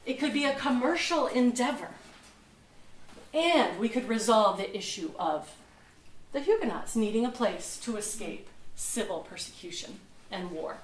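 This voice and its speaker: A woman's voice: on the high side, animated, a little slow, slight background noise. Woman playing a persuasive courtly nobleman. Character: scheming male nobleman pitching a plan. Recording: echoey room, mic far off.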